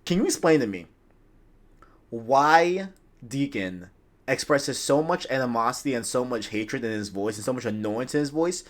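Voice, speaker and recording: A man in casual podcast chat about games talks in long, animated runs. He keeps checking in with "right?" and leans on "like" to string his thoughts together. His voice sits mid-range for a man. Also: mid-range voice, moderate pace. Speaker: podcast co-host.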